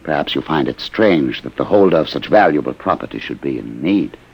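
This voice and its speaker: An actor playing a courteous, weary old refugee inventor in a radio science fiction drama, with a gravelly, husky voice. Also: male voice, very deep voice, expressive, a little fast, a little mellow, exaggerated voice, low-quality recording. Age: older.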